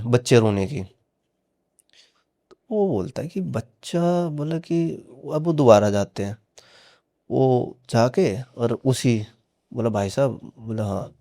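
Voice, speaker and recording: With a dark tone at medium pitch, a man casually recounts a horror story for a podcast, voicing the dialogue and sprinkling in "he said" tags often.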